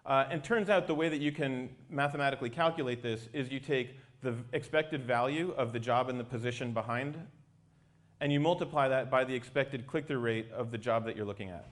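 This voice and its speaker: A man's voice: mid-range voice, a little fast. A man giving an explanatory technical talk as a company presenter.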